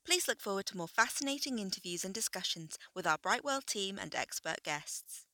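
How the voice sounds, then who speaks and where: A woman host reads the podcast's sign-off in a bright, crisp voice. The recording is dry and close. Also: mid-range voice, animated, normal speed, no echo. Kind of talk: scripted outro.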